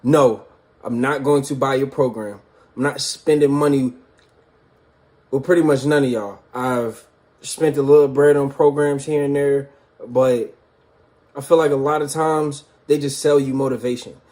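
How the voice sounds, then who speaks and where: A young man talks off the cuff in a frustrated, venting tone. His voice is soft-edged and mellow, at an ordinary male pitch, and his phrasing is loose, slangy and conversational, like a personal video rant. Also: fairly even intonation, measured pace. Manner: colloquial, slangy. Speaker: pre-med student video blogger. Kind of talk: casual unscripted rant to camera.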